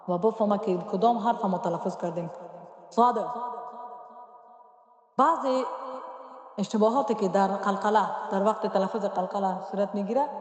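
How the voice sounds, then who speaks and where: A woman teaching Quran recitation, explaining each sound patiently and step by step and modeling it slowly. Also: medium pitch, a little mellow. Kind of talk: tajweed lesson explanation. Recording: roomy echo with long reverb.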